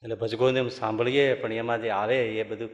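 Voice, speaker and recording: Gujarati monk preaching in an echoey hall. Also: male voice, medium pitch, brisk, dull audio. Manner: folksy, animated storytelling with laughter. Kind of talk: storytelling sermon. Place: large hall at a gurukul. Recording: echoey hall with long reverb.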